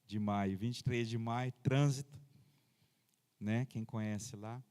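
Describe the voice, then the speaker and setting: A man's voice: lowish voice, fairly even intonation, slow, a little mellow, clean tone. A man, a pastor preaching a sermon in a church in a chatty, personal way, with frequent amens and hallelujahs, into a handheld microphone. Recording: reverberant church hall.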